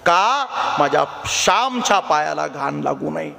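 A man preacher voicing a tender, loving village mother who speaks softly and pleadingly to her small son. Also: fairly high pitch, animated, unhurried, creaky, heavily acted. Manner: soft, pleading, affectionate. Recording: long hall reverb.

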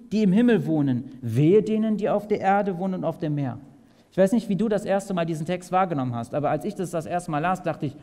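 Man preaching in a reverberant hall. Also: on the high side. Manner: asks the audience direct questions, swings between loud and soft. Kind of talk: sermon. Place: large hall at a camp meeting.

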